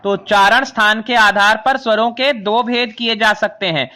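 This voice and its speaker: Male teacher, very high bright voice, patient and repetitive explainer, talks to kids. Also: normal speed. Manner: explains patiently, repeating and rephrasing terms; addresses students as children. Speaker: Hindi grammar teacher. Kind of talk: classroom lesson explaining vowels.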